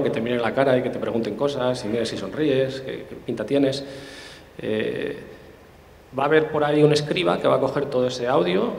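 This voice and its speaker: A man with a medium-pitched, gravelly, slightly mellow voice appears as an interview guest, a tech specialist giving a conversational explanation. He talks thoughtfully, often hesitating and restarting, in a roomy hall with long reverb.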